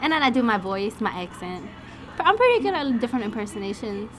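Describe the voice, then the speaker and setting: A woman's voice: on the high side, very animated, quick pace, a crowd in the background. A woman in her twenties, a nail technician, talking frankly and confidently in a casual interview in a nail salon. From United States. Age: 20s.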